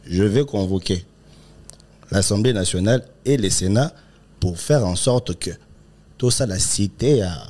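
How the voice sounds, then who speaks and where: Man doing a mellow, halting Congolese president. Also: on the low side. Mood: solemn, promising. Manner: halting, repetitive, switching between languages. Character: impression of a male head of state, firm and ponderous. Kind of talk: comic mock interview.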